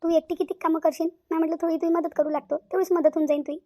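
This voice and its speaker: A woman's voice: very high voice, level tone, racing, warm tone, no room sound, studio quality. A woman voicing an affectionate elder sister-in-law in a cartoon, with a fond, coaxing manner. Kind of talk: cartoon voice acting.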